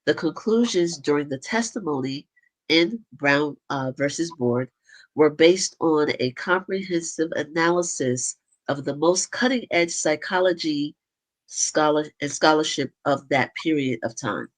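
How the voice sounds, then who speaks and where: A woman hosting an interview, explaining background in a measured way before asking her guest a question. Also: sits low, expressive. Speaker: host. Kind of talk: interview conversation.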